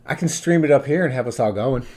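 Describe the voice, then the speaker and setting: A woman hosting a podcast, chatting casually and laughing a lot. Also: fast talker. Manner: giggly, laughs often; lively, animated pitch swings. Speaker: podcast host. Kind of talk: casual chat.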